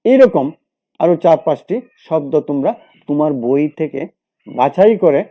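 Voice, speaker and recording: A man talks through a lesson in a steady, methodical way, repeating each rule and walking through example after example. His voice sits a little high, but the tone is very dark and mellow. He stops to correct himself now and then. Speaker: teacher. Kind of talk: explaining a grammar lesson.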